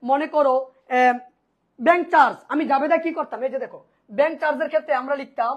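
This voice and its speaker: Woman, high-pitched, accounting teacher, online class, asks and answers herself, checks that students follow. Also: fast, muffled recording. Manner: asks and answers her own questions, repeats key points; checks in with students by asking if it is clear.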